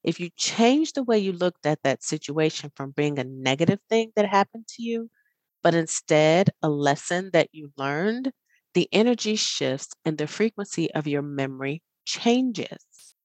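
A woman with a low voice hosts a reflective self-help talk. She speaks to the listener directly, earnest and encouraging, with a smile you can hear. The recording is close and dry. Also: lively intonation, measured pace, darkish tone, dry recording. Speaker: podcast host.

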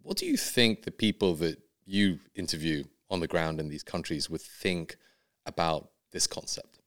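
A man's voice: sits low, moderate pace, fairly bright tone. A man hosting a podcast, who reads a scripted introduction and asks long, composed questions. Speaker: podcast host.

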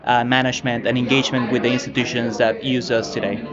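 A man from Venezuela being interviewed as a guest, talking in a relaxed way with many fillers. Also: mid-range voice, quick pace, lo-fi sound. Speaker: guest, education company manager. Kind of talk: conversational interview. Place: busy conference floor. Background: crowd chatter.

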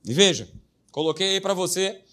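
A man's voice: high voice, lively intonation, normal speed, fairly bright tone. A male pastor preaching a sermon, emphatic and repetitive, hammering single words and tossing in jokey asides.

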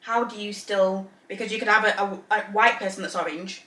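Slightly off-mic in an echoey room, a podcast co-host from Zambia chats casually, working through her thoughts out loud with restarts and easy laughter. She speaks fairly quickly in a steady, medium-pitched voice that's a bit bright and far from the mic.

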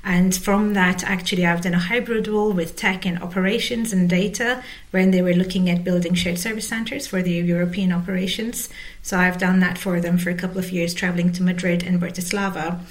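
A Turkish woman in her forties, whose first language is Turkish, appears as an executive guest in a conversational interview about her career. Her voice is lowish and steady, and she talks fairly quickly.

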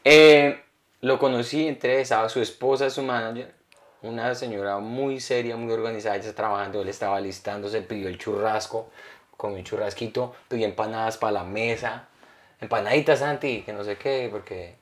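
A young man co-hosting a comedy podcast, telling stories in a lively, rambling way. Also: fairly low pitch, brisk. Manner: animated, rambling storyteller. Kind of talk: casual podcast chat.

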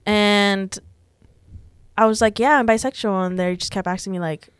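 A woman's voice: mid-range voice, steady tone, normal speed, clean tone, no room sound. A young woman, a podcast guest telling a personal story in a chatty way, full of "like" and quoted dialogue. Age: young adult. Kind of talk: casual storytelling.

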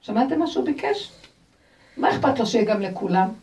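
High-voiced woman preaching from afar. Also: far from the mic. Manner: expressive, rhetorical questions to the audience. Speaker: Torah teacher. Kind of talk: religious lecture to a group.

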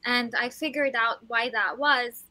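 Young woman from Kuwait, podcast guest, earnest and open, bright tone. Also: a little high, steady tone, unhurried, no room sound, poor audio. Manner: open, earnest, filler-laden. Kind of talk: casual chat.

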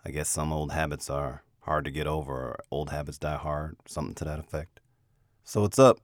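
Very deep-voiced man, 50, dry sound. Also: a little fast, no room sound. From United States. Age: 50s. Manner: relaxed, self-deprecating, reflective. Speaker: podcast host. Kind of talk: casual personal storytelling.

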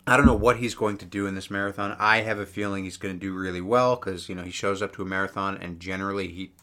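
A male podcast co-host in casual sports chat, his voice sitting on the lower side. His tone is bright and forceful, and he rambles along with plenty of ums and restarts. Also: fairly even intonation, quick pace. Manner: chatty, rambling, many fillers.

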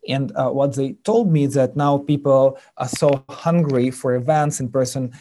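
A man from Ukraine with a Ukrainian accent, a sales executive speaking as an interview guest, halting with many fillers and restarts. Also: medium pitch, warm tone, a little hiss or hum. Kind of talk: interview conversation.

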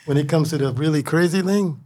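An older man from the Midwestern United States, a guest telling lively stories with frequent laughter and lots of "you know.". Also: on the high side, fast talker. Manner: animated storyteller, laughs often, many you-knows. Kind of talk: casual storytelling interview.

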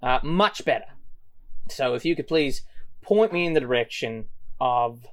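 A man voicing a sly, menacing male gang leader with a high, mocking tone. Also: animated, measured pace, fairly bright tone. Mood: taunting. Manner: mocking, high-pitched sneer.

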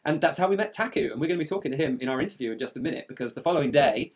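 A man's voice: a little high, expressive, very fast. A man hosting a travel podcast, telling stories casually and animatedly, acting out what people said. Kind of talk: casual chatty travel storytelling.

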